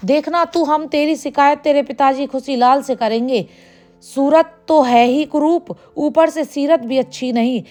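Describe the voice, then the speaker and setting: A woman's voice: high-pitched, measured pace, a little mellow, faint music behind. A woman doing spiteful village gossips. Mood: scornful. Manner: taunting.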